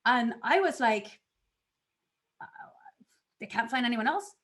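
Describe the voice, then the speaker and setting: A woman giving a conference talk, telling her story in an animated way and acting out her own past reactions. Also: a little high, slow. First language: not English. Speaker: conference speaker.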